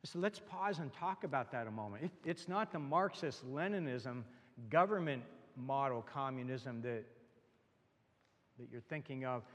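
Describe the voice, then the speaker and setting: A man's voice: medium pitch, a bit bright. A man preaching a sermon as the congregation's pastor, earnest, with emphatic rising lines and easy asides to the people in front of him. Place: church sanctuary. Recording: long reverb of a church hall.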